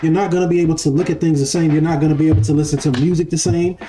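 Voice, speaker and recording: In an echoey room with faint music, a man in his 20s rattles off a casual spiritual monologue for his live stream, repeating phrases and tossing in "right?" His mellow, slightly high voice stays steady in tone while moving rapid-fire.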